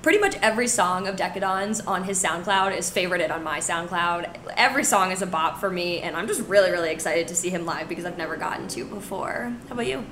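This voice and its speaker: A young woman with a hoarse, raspy smoker-like voice that is nearly gone, chatting casually and enthusiastically as a podcast co-host. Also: on the low side, quick pace, hardly any pauses, fairly bright tone. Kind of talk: casual chat. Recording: roomy echo with background noise.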